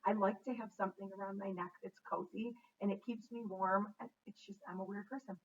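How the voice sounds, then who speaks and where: A woman's voice: mid-range voice, steady tone, a little fast. Woman, knitting host, rambling casual talk, self-corrections, muffled lo-fi sound, mid-range voice. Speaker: knitting podcast host and teacher. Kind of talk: casual show-and-tell chat. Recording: distant, dull sound with faint background noise.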